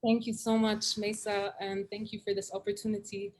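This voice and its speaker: A woman from Syria, a poet, talking over a video call and then reading spoken word poetry in an earnest, measured way with dramatic repetition. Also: mid-range voice, level tone, darkish tone.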